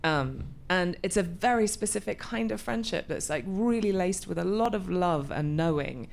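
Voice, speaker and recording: A woman's voice: lowish voice, expressive, moderate pace, gravelly, a little hiss or hum. A woman in her forties being interviewed about her acting work, thoughtful and often restarting as she searches for words. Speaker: actor, interview guest. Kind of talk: conversational interview.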